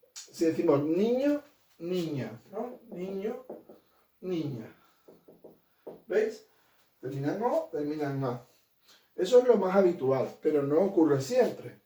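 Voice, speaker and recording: Teaching grammar, a man piles up examples and rhetorical questions and keeps checking with his students using "¿vale?" and "¿de acuerdo?". His voice is high but dark in tone, and the roomy recording was made at a distance from the mic.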